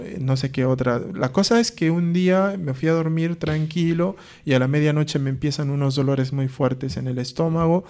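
A man's voice: mid-range voice, mellow. A man, a priest giving a conversational talk on faith, asking rhetorical questions and acting out short dialogues. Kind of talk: conversational preaching.

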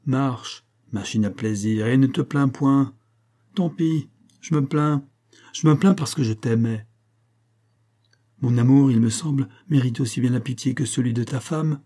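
A man's voice: mid-range voice, a little slow, dark tone, close to an everyday voice. A man voicing a bitter, heartbroken young woman who mocks and reproaches her lover in a raised voice. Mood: angry, anguished. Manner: mocking, reproachful, rising to cries.

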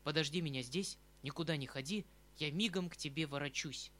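A man's voice: on the high side, a little fast, a bit bright, close to an everyday voice. A man reading the part of a tender, fretful aging uncle, a retired colonel, who talks in an emotional, rambling, pleading way. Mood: determined. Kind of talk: audiobook reading of a classic novel. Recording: faint background music.

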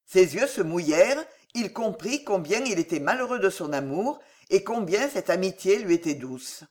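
An audiobook narrator telling a historical novel with expressive storytelling. The pitch is lively and moves freely through each sentence. Scripted narration at a steady pace. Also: moderate pace.

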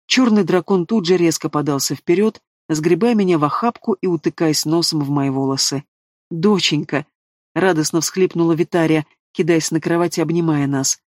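A man reading a fantasy novel aloud in a steady, expressive narration. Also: a little high, brisk, few pauses, no echo, clean studio sound. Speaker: audiobook reader.

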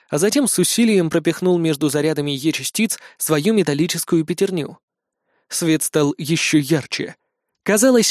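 A man's voice: on the high side, darkish tone, no echo. A man narrating a first-person audiobook with a wry, dry-humored delivery.

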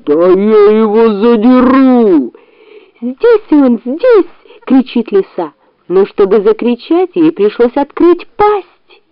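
A woman narrating a children's storybook audiobook with an expressive reading. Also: mid-range voice, dry recording. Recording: dull dry studio audiobook.

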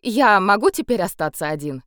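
A woman reading a tired calm nobleman, dry weary manner, lively intonation, audiobook character. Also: medium pitch, normal speed, no room sound. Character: tired, level-headed male noble, the emperor's cousin.

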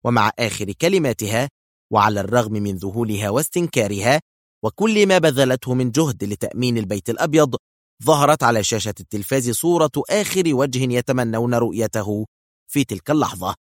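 A male audiobook narrator reading a spy thriller in an even, measured storytelling voice. His pitch sits in the middle range for a man. The sound is dry and close, with no room echo. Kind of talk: scripted narration.

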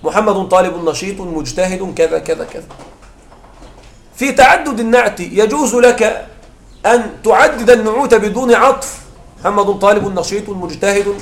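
A man's voice: sits high, moderate pace. A man teaching grammar to a class, explaining with repeated examples and often asking the students whether they follow. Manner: explains with repeated examples and checks understanding with questions. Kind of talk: classroom lecture. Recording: echoey classroom sound.

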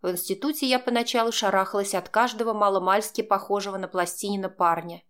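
A woman's voice: mid-range voice, fairly even intonation, fast talker, fairly bright tone. Woman reading a tense first-person story. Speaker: narrator. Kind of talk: first-person audiobook narration.

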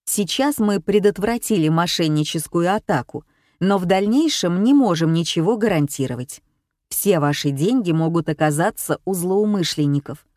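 A woman's voice: fairly low pitch, lively intonation, moderate pace, darkish tone, dry recording, studio quality, lightly acted. A woman reading an audiobook and voicing a pushy, official-sounding bank caller who speaks firmly and urgently. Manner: firm and urgent.

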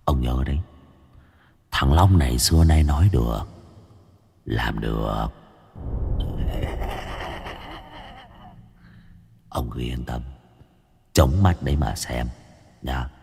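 A man's voice: extremely low pitch, unhurried, gravelly, long pauses, slightly rough, big-room sound, voice pushed down, full character voice. A man voicing a cruel male gangster who threatens. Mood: menacing. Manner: hushed, threatening whisper with sneering laughs.

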